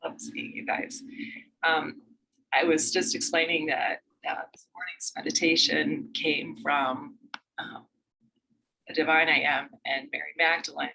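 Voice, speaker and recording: Gravelly, bright-voiced woman guiding meditation. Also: low voice, flat delivery, measured pace, slight background noise, poor audio. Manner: rambling and warm in greeting, with many fillers. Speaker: meditation guide. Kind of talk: informal spiritual talk before a guided meditation. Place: online group session. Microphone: video call.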